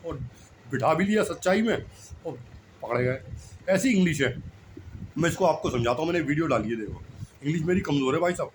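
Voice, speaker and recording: A man's voice: on the high side, slight background noise, low-quality recording. A man in casual explanatory talk, telling homespun anecdotes and often checking that the listener has understood. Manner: repetitive, homespun storytelling. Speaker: channel host explaining language.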